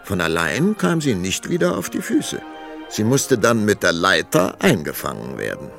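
A man narrating a fairy-tale audiobook in a highly theatrical, expressive storytelling manner. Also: normal speed, gravelly, music in the background.

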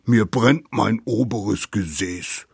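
A big, grumpy storybook mammoth, as a man acts it out, gruff and indignant, its words dragged out slowly. The voice is husky and low, and the recording is dry and close. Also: no room sound. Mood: indignant, stern. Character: huge, grumpy, stern mammoth.

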